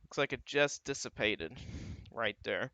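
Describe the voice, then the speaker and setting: A man's voice: medium pitch, expressive, unhurried, sharp tone, no room sound, dull audio. Casual man commenting live on radar. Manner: casual, thinking aloud, frequent "uh" and "you got". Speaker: livestream weather host.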